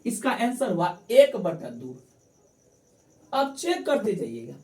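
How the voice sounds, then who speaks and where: A woman's voice: medium pitch, sing-song, slow pace, a little mellow, roomy sound. A woman teaching math to viewers she calls friends, repeating each step and asking and answering her own questions. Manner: addresses viewers as friends, coaxing. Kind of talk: classroom-style tutorial to camera.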